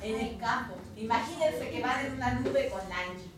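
A woman with a Mexican Spanish accent telling a story live to children, expressive and often asking them questions, in a community cultural center. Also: a little high, normal speed, crowd noise. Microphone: distant microphone. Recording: echoey room, distant mic.

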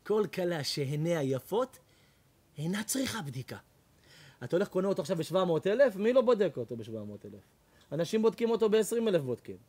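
A man, a rabbi, giving an animated sermon, loud, repetitive and mocking. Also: high-pitched, slightly rough. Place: lecture hall.

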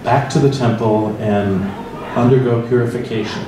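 A middle-aged man with a Midwestern American accent speaks from far across a big church hall, and his voice echoes strongly off the walls. He tells the story slowly and reflectively, addressing the listeners directly. Steady room noise sits under his words. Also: mid-range voice. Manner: slow, reflective second-person storytelling. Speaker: priest leading a church forum. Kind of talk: guided meditation and interactive forum talk. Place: large church hall with tables of people. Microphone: handheld mic, filmed from far across the room.

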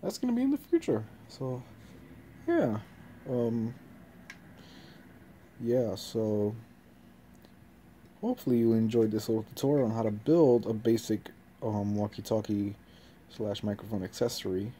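Animated yet measured, with long pauses, a young man's lowish, warm voice carries his rambling, offhand vlog talk. He sounds like an amateur, hesitant and meandering, filming in a small bedroom on a phone held at arm's length. The phone recording is noisy with distinct hiss.

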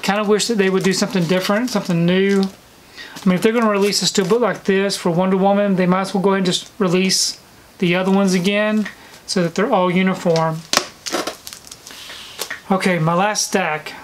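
A woman talks casually through a haul vlog, chatty and full of fillers and restarts. She is slightly out of breath. Her voice sits in an ordinary middle pitch, with a faint hiss under the recording. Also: steady tone, a little fast, poor audio. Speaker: video collector vlogger.

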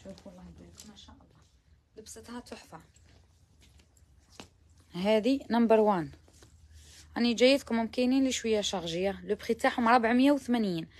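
A woman's voice: fairly high pitch, racing, darkish tone. A woman with an Algerian Arabic accent showing abayas to viewers in a chatty shop walkthrough, mixing in French words and sometimes dropping to a near whisper. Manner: chatty, mixes French words, praising each garment. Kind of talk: live shopping try-on walkthrough.

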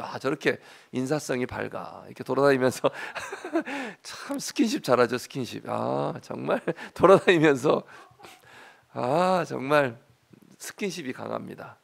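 A man's voice: mid-range voice, creaky. A man giving live commentary over parliament footage, arguing heatedly with rhetorical questions, then chatting through the scenes. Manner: chatty, amused play-by-play.

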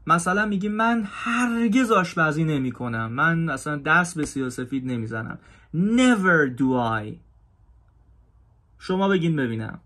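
A man teaching an English grammar class, explaining in Persian and saying each English example slowly and carefully, with questions to his students. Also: fairly high pitch, expressive, pushed and bright. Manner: talks straight to students, asks them questions.

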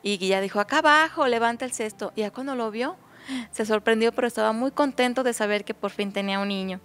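A woman reading a folk tale aloud to viewers in a gentle, homely storytelling manner. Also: mid-range voice, quick pace.

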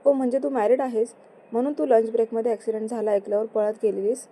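A woman's voice: on the high side, little pitch movement, fast, mellow. A woman reading the lines of a playful, teasing young husband in a storybook romance. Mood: surprised.

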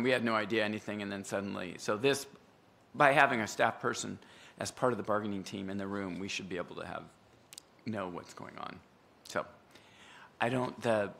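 A man chairing a city council meeting explains a policy in a bright, gravelly voice that sits a little low. He halts and restarts often while hedging his points. He has the hiccups. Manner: halting, hedging speech with restarts. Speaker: council president.

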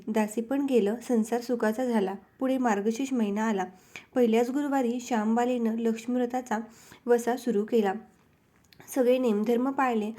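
A woman storyteller narrating a devotional tale in a measured, rhythmic recital. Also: on the high side, dark tone.

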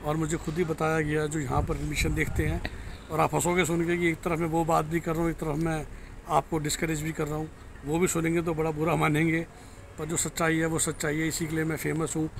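Standing in a parking lot, a middle-aged career counselor speaks straight into a handheld phone at arm's length for a review vlog. His fairly high, gravelly voice stays level and a little fast as he gives blunt, frank warnings, with a slight hiss or hum in the audio.

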